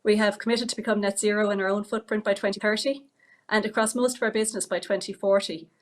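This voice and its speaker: A woman's voice: medium pitch, fairly even intonation, fast talker. A woman executive introducing herself on a panel with a polished, corporate delivery over a video call.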